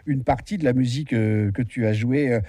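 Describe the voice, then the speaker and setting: A man's voice: medium pitch, brisk, mellow, no room sound, clean studio sound. A man hosting a radio interview, asking long rambling questions with restarts. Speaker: radio host.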